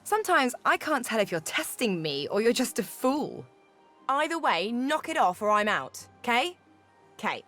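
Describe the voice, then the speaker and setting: A woman's voice: on the high side, very animated, measured pace, fairly bright tone, faint music behind. A woman playing a breezy, informal young adventurer in a video game, casual and frank. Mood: fed up.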